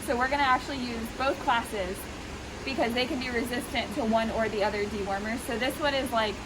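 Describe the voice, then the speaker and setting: Higher-voiced woman talking through a face mask, noisy. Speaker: veterinary professional treating goats. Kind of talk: casual explanatory talk to camera. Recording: noisy, steady rushing background hiss.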